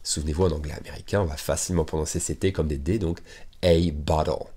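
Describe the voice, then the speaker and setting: A man teaching an English lesson on video. He says English phrases slowly and repeats them, then explains in French with lively jumps in pitch. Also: husky. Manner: lively, with sudden rises in pitch and loudness.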